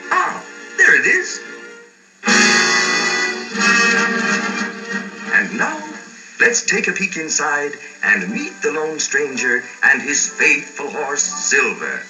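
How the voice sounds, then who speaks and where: A hammy male cartoon narrator delivers a western spoof in 1930s radio serial style. His high voice swoops hugely and takes its time, grandiose one line and chummy the next. It sounds like a distant vintage soundtrack with a clear orchestral score behind it. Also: very animated, slow, bright, forceful tone, faint music behind, heavily acted. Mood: chummy, playful.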